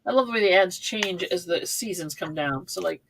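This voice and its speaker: A woman's voice: on the low side, lively intonation, moderate pace, vocal fry, slight background noise, rough recording. A woman co-hosting a live online sale from a basement, talking on a video call in a chatty, playful way. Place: basement room.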